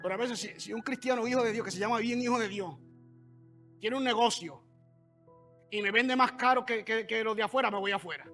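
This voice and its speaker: A man's voice: sits high, fairly quick, pushed and bright, soft background music. A man pastor preaching a sermon in a church, conversational, with asides and questions to the congregation.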